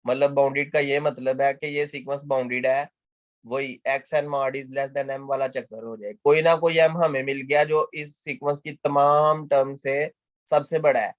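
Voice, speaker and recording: A man's voice: medium pitch, steady tone, unhurried, no echo. Male math lecturer, patient and repetitive, answers his own questions; muffled, dry recording. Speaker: mathematics lecturer. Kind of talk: explanatory lecture.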